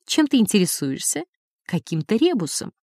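A woman reading as a furious rich wife who scolds her husband in a shrill, scolding voice. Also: sing-song, normal speed, a little mellow, no room sound, clean studio sound. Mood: reproachful. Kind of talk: audiobook character reading.

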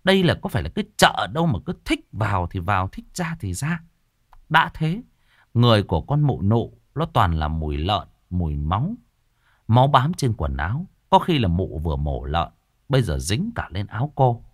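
A man's voice: on the low side, big pitch swings, normal speed, no room sound, clean studio sound. A man narrating a ghost story expressively and dramatically.

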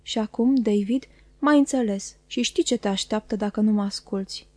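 A woman reading the part of a cold, stern man who speaks slowly and gravely, with commanding authority. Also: mid-range voice, dark tone, no echo, lightly acted. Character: stern, cold middle-aged man, harsh stepfather.

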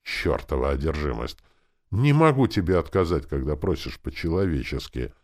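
A man's voice: very deep voice, big pitch swings, normal speed, exaggerated voice. A man reading an audiobook, voicing a wilful, mocking female demon. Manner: sarcastic, teasing.

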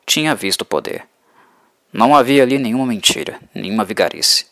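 A man reading an audiobook in an even, measured way. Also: medium pitch, creaky, no room sound, studio quality. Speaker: audiobook narrator. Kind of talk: scripted narration.

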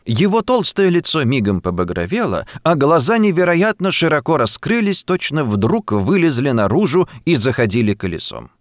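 A man's voice: fairly high pitch, big pitch swings, normal speed, hardly any pauses, no room sound, clean studio sound. A man narrating a literary story as an audiobook, reading expressively and dramatically.

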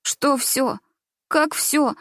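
A woman's voice: high voice, fairly even intonation, drawn-out words, no echo, clean studio sound, pitched above the performer's own voice. A woman voicing a frightened, desperate young girl who pleads and cries out accusations. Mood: frantic.

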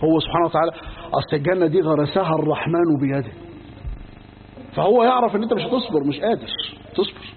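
Over a faint hiss on a tinny, lo-fi recording, a fast-talking man with a fairly high pitch and an Egyptian Arabic accent teaches an Islamic lesson. He tells stories like a lively narrator, acting out conversations in everyday language and tossing in casual asides.

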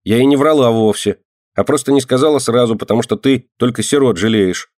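A man's voice: a little fast, darkish tone, dry recording, clean studio sound, lightly acted. A man reading an audiobook and voicing a small, stubborn girl who cries easily, in a raised, pleading voice. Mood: cross. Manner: pleading, tearful, raised higher voice.

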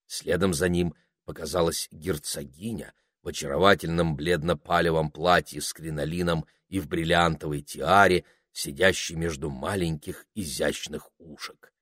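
A man narrating a storybook in a measured, descriptive way. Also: deep voice, dry recording, studio quality. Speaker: audiobook narrator.

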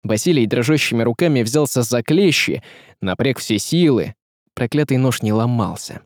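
Man narrating an audiobook with lively pitch. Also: moderate pace, no room sound, clean studio sound. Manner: lively, dramatic storytelling.

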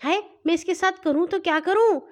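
A woman's voice: high voice, lively intonation. A woman voicing a fussy young girl rider who grumbles, panics and cries out in a storybook. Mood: panicked. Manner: complaining, then crying out in pain.

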